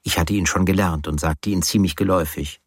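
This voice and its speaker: A man narrating a novel as an audiobook in the first person, measured and wry. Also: sits low, steady tone, breathy edge, dry recording, studio quality.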